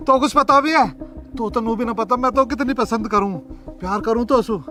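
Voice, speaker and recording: A young man playing a heartbroken village lover, pleading earnestly in a very high voice. Faint music sits behind him in this comedy sketch. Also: moderate pace, pushed and bright. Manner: earnest, pleading, then confrontational.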